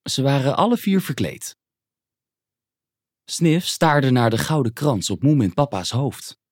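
A man narrating a children's story in an expressive storytelling manner on a close microphone. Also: mid-range voice, a little slow, dry recording.

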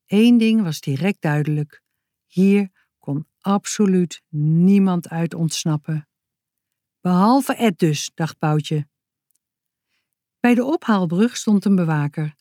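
A woman reading a children's book aloud in a calm, measured narrating voice. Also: fairly low pitch, no echo, clean studio sound.

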